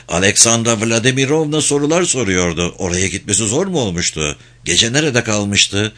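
A man narrating a novel as an audiobook, in a measured, steady reading voice. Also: mid-range voice.

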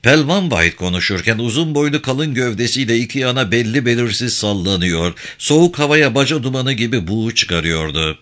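A man narrating a novel in a measured storytelling way. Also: medium pitch, expressive, a bit bright. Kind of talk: audiobook narration.

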